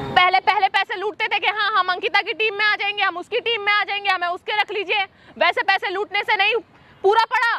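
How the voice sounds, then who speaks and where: Woman youtuber ranting at her viewers, very high sharp voice, begging then threatening. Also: a little hiss or hum. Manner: indignant, alternately pleading and threatening. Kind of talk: emotional direct-to-camera rant.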